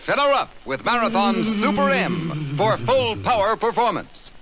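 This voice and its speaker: A man announcing a vintage radio commercial in a bright salesman's delivery, heard as an old recording. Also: high voice, expressive, measured pace, poor audio.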